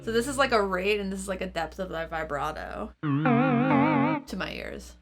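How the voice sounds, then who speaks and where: The channel host is a reviewer with a mid-range voice, lively intonation and a measured pace. Her gear demo is casual and unscripted, spoken in loose, thinking-aloud fragments while an electric guitar runs through effects pedals.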